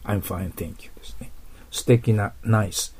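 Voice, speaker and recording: A man teaching an English grammar lesson in Japanese, patiently explaining and slowing down to model each example phrase. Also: lowish voice, darkish tone, husky, in a whisper. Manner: patient, explanatory, asks learners to repeat.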